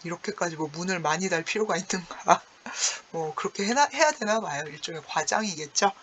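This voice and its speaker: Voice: medium pitch, lively intonation, brisk, fairly bright tone, slight background noise. A teacher giving an online class on classical poetry, chatty and explanatory, peppering the talk with fillers and acting out lines with sighs and chuckles.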